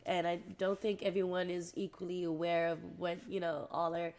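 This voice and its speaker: A young woman from the Netherlands talks as an interview guest, chatting casually. She gets animated and laughs easily, and she often breaks off and restarts her sentences. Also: fairly low pitch, moderate pace. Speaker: guest actress.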